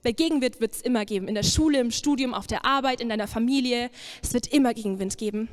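A woman preacher giving a lively sermon, emphatic and swinging between loud and soft. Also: on the high side, fast talker.

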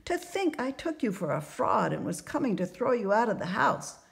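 A woman voicing an excitable, astonished merchant's wife who gushes in exclamations in a storybook reading. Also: fairly high pitch, moderate pace, gravelly, pitched above the performer's own voice. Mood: gushing. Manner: gushing, exclaiming.

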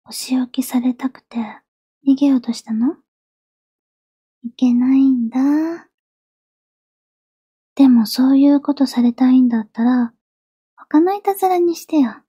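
A woman playing a possessive yandere girlfriend in a soft, breathy ASMR role-play, obsessively loving, clingy and sweetly menacing. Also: high voice, measured pace, pauses often, no echo, clean studio sound. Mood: cooing, menacing. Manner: yandere: obsessively loving, soft, pleading turning coldly threatening.

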